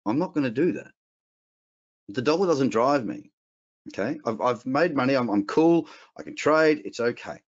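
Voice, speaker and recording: Australian male educator, casual webinar delivery, blunt and rambling, mid-pitched voice on dull lo-fi sound. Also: animated, normal speed. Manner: rambling, blunt, frequent restarts. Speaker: trading educator.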